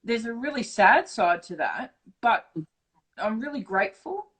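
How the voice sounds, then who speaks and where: A middle-aged Australian woman talking openly in a relaxed interview. She is blunt and swears freely, and her delivery turns animated when she re-enacts conversations. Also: on the high side, a little slow, poor audio. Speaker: interview guest. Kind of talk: casual storytelling interview.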